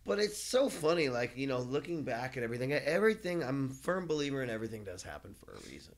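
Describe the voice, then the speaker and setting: Quick-paced, with a medium pitch and big pitch swings, this East Los Angeles man in his 40s speaks as a podcast guest. The conversation is casual and open, full of free swearing and frequent laughter.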